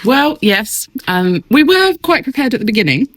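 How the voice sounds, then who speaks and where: A woman co-hosting a podcast, playful and animated in casual chat. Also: fairly high pitch, normal speed, dry recording, studio quality. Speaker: podcast co-host.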